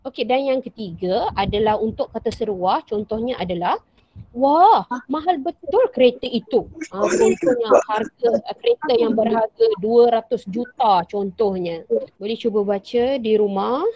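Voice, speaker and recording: A woman's voice: on the high side, lively intonation, normal speed. Malaysian woman teacher, acted example lines. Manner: patient, repeats example sentences with acted intonation. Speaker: primary school teacher. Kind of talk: online class lesson. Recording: dry, dull lo-fi sound.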